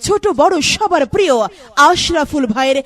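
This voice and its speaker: A woman's voice: very high voice, normal speed, fairly bright tone. A woman with a Bangladeshi accent delivering a scripted promotional ad as slogan-chanting sales patter. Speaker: advertisement announcer.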